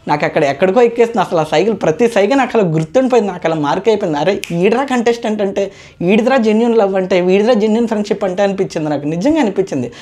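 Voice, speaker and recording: Woman reviewer, fast casual delivery, warm mellow tone, acts out quotes. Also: medium pitch. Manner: chatty, re-enacts contestants' lines. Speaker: reality show reviewer.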